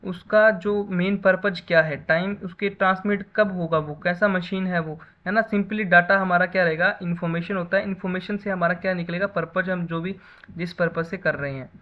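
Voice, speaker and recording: A man's voice: high voice, fairly even intonation, moderate pace, highs cut off. A man teaching a basic computer class in a lecture style, explaining with everyday examples and often checking back with "है ना".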